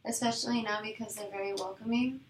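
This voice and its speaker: A woman's voice: on the high side, steady tone, fast. A woman student giving encouraging feedback in a class discussion, with many short acknowledgments. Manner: encouraging, with many "mm-hmm" replies. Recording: echoey room heard from a distance, with noise.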